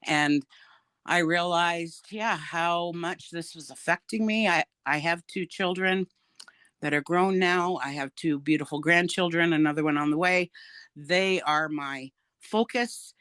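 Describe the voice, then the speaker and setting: A woman's voice: fairly low pitch, measured pace, fairly bright tone, clear, resonant tone, no room sound. An older woman, a grandmother, speaking frankly and emphatically as an interview guest, with the odd wry laugh. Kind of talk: candid interview about family.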